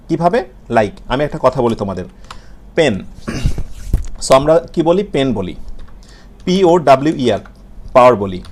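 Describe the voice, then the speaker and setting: A man with a Bengali accent teaching English letters and pronunciation in a video lesson, repeating sounds slowly and asking and answering his own questions. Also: mid-range voice, a little mellow.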